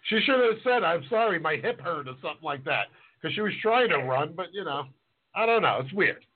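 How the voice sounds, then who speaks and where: A man's voice: fairly high pitch, animated, fairly quick, slightly rough. A chef in his forties chatting casually, rambling and self-deprecating with a joking manner. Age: 40s. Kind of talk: casual podcast chat. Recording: tinny phone-like line.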